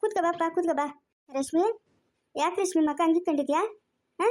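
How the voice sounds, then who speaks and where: Cartoon aunt, woman voices, consoling, very high-pitched. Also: fairly even intonation, a little fast. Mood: welcoming. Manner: consoling, scolding gently. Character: soothing older village woman, the child's aunt. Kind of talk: cartoon voice acting.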